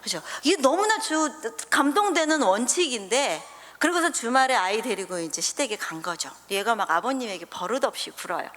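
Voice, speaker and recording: A pastor's wife preaching a sermon, telling animated stories and acting out little scenes for the congregation. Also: female voice, fairly high pitch, fairly quick. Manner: animated storyteller who acts out scenes with the congregation. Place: church sanctuary. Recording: reverberant church hall.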